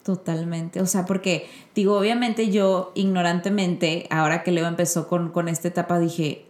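Woman host, lively storyteller. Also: on the low side, moderate pace. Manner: lively storyteller who acts out quoted voices. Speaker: podcast host. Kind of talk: casual interview chat. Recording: roomy echo.

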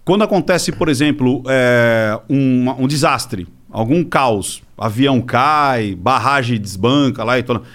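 A man's voice: mid-range voice, a little slow, hardly any pauses, a bit bright. A man explaining things informally as an interview guest, using examples and checking that listeners follow. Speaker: interview guest, body language specialist.

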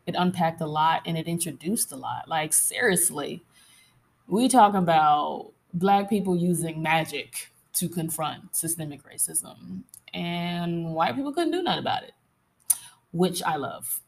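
A woman with a sultry voice hosting a casual, candid solo podcast, conversational and expressive, drawing out words for emphasis. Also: lowish voice, unhurried, creaky, breathy edge. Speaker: podcast host.

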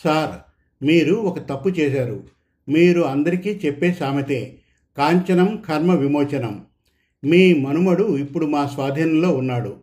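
A man's voice: on the high side, a little mellow, natural voice. A man voicing a menacing male kidnapper who makes cold demands over a phone call in a read story.

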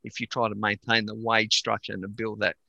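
An Australian-raised man talking football in a lively panel chat, emphatic and animated. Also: fairly low pitch, brisk, gravelly, no echo, muffled recording. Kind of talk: casual sports chat.

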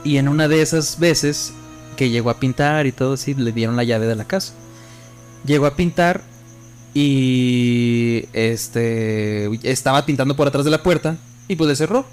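With faint music in the background, a young Mexican man speaks at a normal speed in a medium-pitched voice, his Mexican accent clear. As a podcast co-host, he tells a ghost story in a lively, chatty way, voicing the quotes himself.

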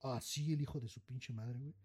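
This podcast co-host has a Mexican accent and a mid-range, slightly rough voice, speaking fairly quickly. Telling a story in casual chat, he swears freely, tacks "güey" onto nearly every phrase, and animatedly acts out the people involved.

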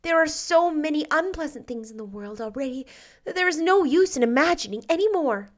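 A woman doing an earnest, high young girl. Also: lively intonation, brisk. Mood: gentle. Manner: earnest, raised in pitch.

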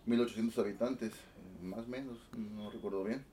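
A man in his twenties from Oaxaca with a Mexican Spanish accent, chatting relaxed and laughing in an interview about his music. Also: fairly low pitch, moderate pace, far from the mic, slight background noise. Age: 20s. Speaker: guest musician, band director. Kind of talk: casual interview chat.

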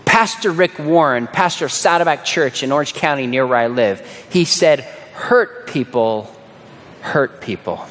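A man preaching a sermon as a dramatic storyteller, who drops to a hush on key words. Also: a little high, normal speed, hardly any pauses. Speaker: pastor. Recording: echoey hall.

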